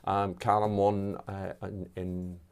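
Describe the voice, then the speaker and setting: A man's voice: deep voice, little pitch movement, slow pace, darkish tone, clear, resonant tone. A man co-commentating on a rally live stream, chatty and enthusiastic, sometimes stumbling over his words.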